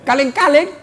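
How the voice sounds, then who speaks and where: Animated male preacher with lively pitch. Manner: animated, swings from loud outbursts to low asides. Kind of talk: sermon.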